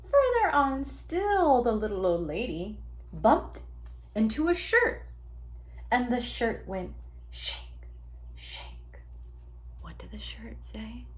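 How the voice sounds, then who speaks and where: Slowly and with long pauses, a teacher with a slightly high voice reads a picture book to young children in a lively way. She lengthens the sound words and invites the kids to join in, against some background noise.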